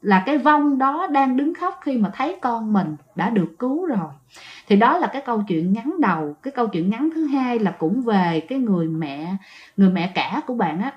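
A woman's voice: fairly high pitch, big pitch swings, a little fast. A woman telling ghost stories in a chatty way, often speaking directly to her listeners. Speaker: ghost story narrator. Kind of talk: chatty ghost story storytelling. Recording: dull lo-fi recording.

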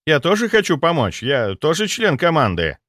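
A man voicing a bodiless young male ghost who is touchy and excitable, eager to help, in an audiobook. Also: fairly high pitch, moderate pace, no room sound, studio quality, pitched above the performer's own voice.

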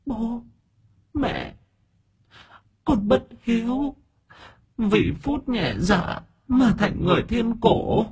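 A man's voice: very high voice, lively intonation, breathy edge, voice pushed up, heavily acted. A man doing a mournful young ghost girl. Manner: soft, mournful, slow. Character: ghost of a young dead daughter, sorrowful.

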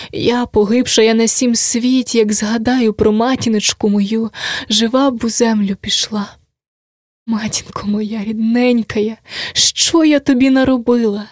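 Woman voicing a despairing young village girl, pleading, near tears, audiobook, highish voice. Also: steady tone, measured pace, a little mellow, dry recording, studio quality, natural voice. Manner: lamenting, pleading, on the edge of tears. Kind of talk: audiobook reading.

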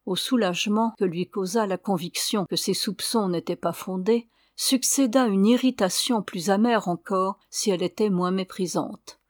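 A woman narrating a classic novel aloud in a measured, even reading voice. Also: mid-range voice, no room sound, clean studio sound. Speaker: audiobook reader.

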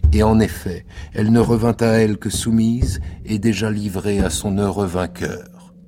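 A man giving a measured, intimate and theatrical radio reading of a classic novel in the first person. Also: fairly low pitch, dark tone, a little hiss or hum. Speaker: reader.

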